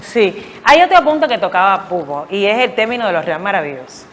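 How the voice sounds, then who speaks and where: A woman giving a reflective academic talk, explaining deliberately and emphatically with searching pauses. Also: medium pitch, big pitch swings. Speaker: academic lecturer. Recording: long echoing hall reverb.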